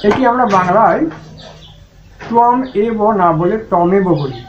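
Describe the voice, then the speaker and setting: A man with a Bengali accent teaching Sanskrit pronunciation, chanting mantras slowly and then explaining them plainly. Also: sits high, animated. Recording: muffled, lo-fi recording with faint noise.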